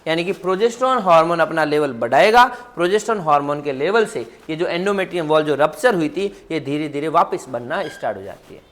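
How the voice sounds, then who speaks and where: A man's voice: on the high side, expressive, fast talker, few pauses, fairly bright tone. A man giving a biology class lecture, quizzing his students with constant questions and calling them "child". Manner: calls students "child" affectionately. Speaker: biology teacher.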